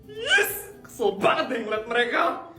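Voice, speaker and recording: Jealous girl, high squeals, laughing, roomy, music. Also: wildly swooping pitch, unhurried. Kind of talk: comedy skit voice acting. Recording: roomy sound with background music.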